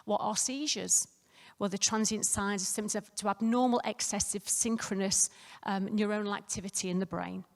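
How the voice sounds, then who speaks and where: Her voice gravelly and croaky, a woman who is a nurse presents at a conference at medium pitch and normal speed, keeping a steady tone. The casual talk is full of fillers and false starts, echoing with long reverb through a hotel meeting room.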